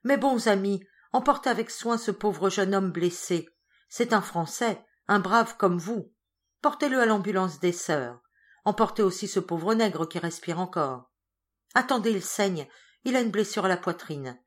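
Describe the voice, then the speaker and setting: A woman reading a gentle old churchman. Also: medium pitch, animated, a little slow, lightly acted. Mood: urgent. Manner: gentle and reassuring. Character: kindly elderly male churchman, calm and consoling.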